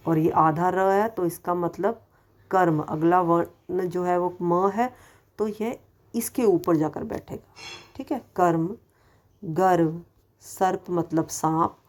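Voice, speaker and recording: A woman's voice: on the low side, darkish tone. A woman teacher giving a recorded lesson to children, patiently asking questions and answering them herself, repeating each word carefully to show its sound.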